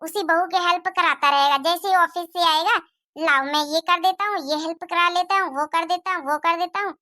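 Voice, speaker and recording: A jealous cartoon mother-in-law, as a woman voices her rants on and on about her son's wife. Her voice sits very high and rings bright and sharp, always scolding. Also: fairly even intonation, brisk, dry recording, clean studio sound. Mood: complaining. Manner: scolding, complaining at length. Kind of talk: Hindi cartoon moral-story voice acting.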